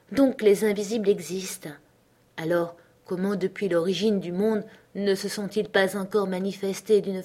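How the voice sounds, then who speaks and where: A woman reading a literary diary aloud, in an intense, anguished delivery that drops into hushed whispers. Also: medium pitch. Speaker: reader.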